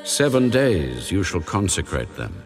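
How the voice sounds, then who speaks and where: An actor playing God as a solemn, commanding male deity, giving sacred instructions deliberately in a dramatized audio Bible. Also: low voice, very animated. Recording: long reverb over background music. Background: music.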